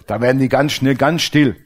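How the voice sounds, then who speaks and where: Man, pastor, sermon, lively preaching, middle-aged. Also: mid-range voice. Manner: lively preaching, acts out dialogues.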